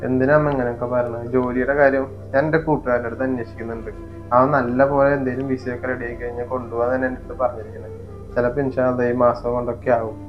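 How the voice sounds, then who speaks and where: A man's voice: mid-range voice, dull audio, natural voice. A young man playing a hurt, patient stepson in an amateur family short film. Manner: hurt, pleading, quick and flat. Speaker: elder stepson in a family skit.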